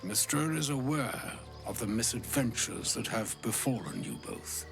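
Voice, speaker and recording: Over music, a man with a mid-range voice gives a lightly acted turn as a video game's ancient, gluttonous old wizard. The character talks in a pompous, florid, long-winded and theatrical way, hesitating when uneasy, with a grave and solemn air that's still a bit fussy.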